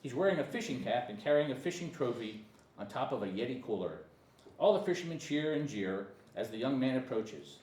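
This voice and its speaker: A man reads screenplay stage directions at a table read, his mid-range voice lively and swinging and a little fast. He stumbles on the occasional word. The mic is distant in an echoey room, with faint background noise.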